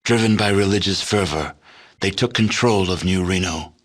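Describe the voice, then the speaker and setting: In a deep male voice, an actor takes on the role of a weary, somber narrator for a post-apocalyptic video game. His delivery is measured, solemn, and deadpan.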